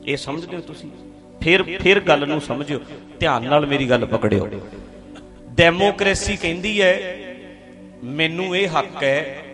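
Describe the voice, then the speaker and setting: A man's voice: fairly high pitch, expressive, moderate pace, a bit bright, faint music behind. A man from India giving a public talk on religion, stressing points by repeating phrases and putting questions to the audience. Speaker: speaker addressing an audience.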